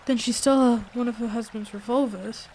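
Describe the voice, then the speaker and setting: Lady playing loyal doctor sidekick in a radio play, highish voice, earnest, full of questions, faint noise. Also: steady tone, fairly quick, darkish tone, lightly acted. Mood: astonished. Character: loyal, astonished male doctor, detective's companion. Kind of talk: radio drama acting.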